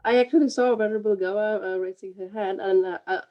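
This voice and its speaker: A woman from Sri Lanka sharing a personal story in a hesitant, amused way, with many pauses. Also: mid-range voice, fairly even intonation, dull audio. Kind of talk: casual personal anecdote.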